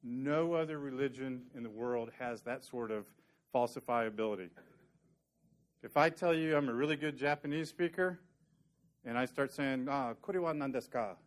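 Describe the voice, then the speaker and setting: Speaking at medium pitch and a moderate pace, this male preacher teaches from scripture in an earnest, conversational way. Every so often he slips in a dry joke for the congregation.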